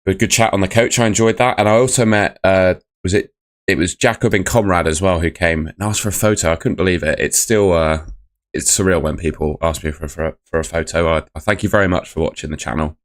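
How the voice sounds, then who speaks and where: A young man, croaky after shouting the night before, hosts a casual live football review on a fan channel. His voice is low and steady, a little fast, and he rambles chattily while reading out chat messages.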